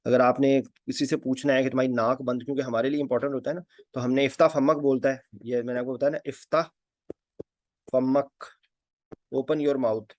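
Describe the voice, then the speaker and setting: A man's voice: mid-range voice, flat delivery, a little fast, darkish tone, no echo, studio quality. A man giving an informal spoken lesson. He hesitates often, uses many fillers, and repeats key words. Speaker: anesthesia teacher.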